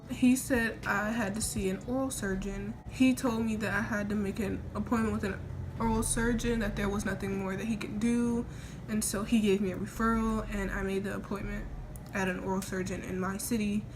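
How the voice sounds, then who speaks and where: Young female vlogger, informal and rambling storyteller, sore post-surgery mouth, mid pitch, noisy home audio. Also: steady tone, moderate pace. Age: young adult. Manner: informal, rambling, quoting herself. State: sore mouth the day after oral surgery. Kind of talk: casual chat, personal story. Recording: noisy homemade recording with room ambience.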